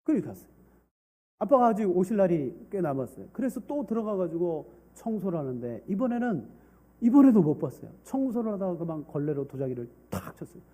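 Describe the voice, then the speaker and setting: Animated husky pastor preaching. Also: male voice, high-pitched, fairly quick. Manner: animated, questioning the congregation. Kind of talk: sermon with storytelling.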